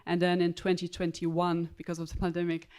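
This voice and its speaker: Polish woman with a bit of kerry in her accent, smooth clear voice, pretty even, earnest panel talk. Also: lowish voice, fairly quick. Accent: Polish with a Kerry Irish tinge. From Poland. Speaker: Olympic rower on a panel. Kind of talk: panel discussion.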